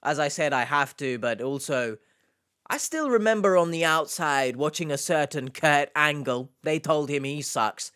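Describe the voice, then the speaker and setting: Sarcastic man with a clear, higher-pitched voice. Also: normal speed, bright, forceful tone. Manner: sarcastic, mock-indignant, dry self-deprecation. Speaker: YouTube host reading out and answering hate comments. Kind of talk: casual comedic commentary with sarcastic reading of comments.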